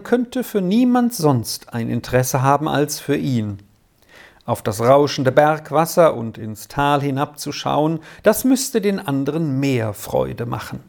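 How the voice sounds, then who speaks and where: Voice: mid-range voice, vocal fry. Eine ruhige Erzählstimme, die eine klassische Kindergeschichte vorliest. Der Vortrag ist gleichmäßig und ausdrucksvoll, wie bei einem Hörbuch. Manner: even, expressive storytelling. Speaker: narrator. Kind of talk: audiobook reading of a classic children's story.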